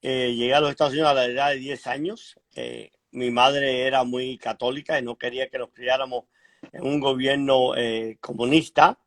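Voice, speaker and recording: A middle-aged man from Cuba, a guest author telling his life story in a frank, measured way over a video call, pausing and clearing his throat. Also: medium pitch, steady tone. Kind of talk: conversational interview storytelling.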